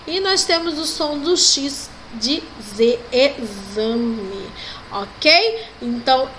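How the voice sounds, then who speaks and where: A woman with a Brazilian Portuguese accent and a high, bright voice leads a recorded online primary school class, correcting textbook exercises. She is slow and patient, drawing out example words and checking in with "ok?" and "né?", over a faint hiss.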